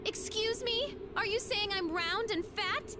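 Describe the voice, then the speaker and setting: A woman's voice: very high voice, a little slow, over music. An actress playing a perky, bossy teenage girl teammate in a video game. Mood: offended. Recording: noisy background.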